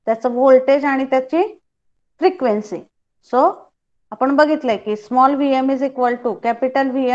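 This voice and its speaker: Woman lecturer, measured and slow overall, checks the class often; muffled low-fi sound. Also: darkish tone. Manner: switches between quick Marathi and slow, spaced-out English; quizzes students with short questions. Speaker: teacher.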